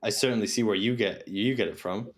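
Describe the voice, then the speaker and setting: Inquisitive low-voiced man. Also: fast. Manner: inquisitive, asks follow-up questions and sums up. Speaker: podcast co-host. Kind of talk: casual interview conversation.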